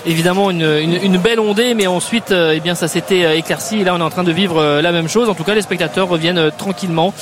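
High-voiced male reporter in a stadium. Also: background noise. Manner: descriptive, unhurried, frequent fillers. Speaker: pitchside reporter. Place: stadium outdoors.

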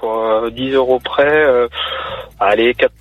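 A man from western France calling in to a radio game show, answering hesitantly with many pauses. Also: mid-range voice, fairly even intonation, phone-quality sound. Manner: hesitant, lots of pauses and fillers.

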